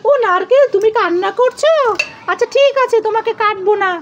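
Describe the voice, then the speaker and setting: A woman's voice: very high voice, brisk, highs cut off, slight background noise. A woman coaxing and playing with a toddler in a home video, in sing-song baby talk. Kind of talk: playful family vlog chat.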